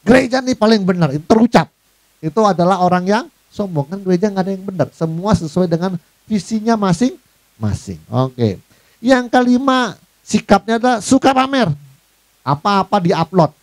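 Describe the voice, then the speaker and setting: Lively higher-voiced man preaching. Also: normal speed, no echo. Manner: lively, acts out mocking voices of proud people; addresses listeners as Pak, conversational. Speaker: pastor. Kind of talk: sermon.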